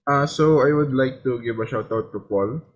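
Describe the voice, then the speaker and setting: A man who is not a native English speaker, talking haltingly on a video call. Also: mid-range voice, lo-fi sound. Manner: halting, with many fillers and restarts. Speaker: meeting member. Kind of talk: casual video-call chat.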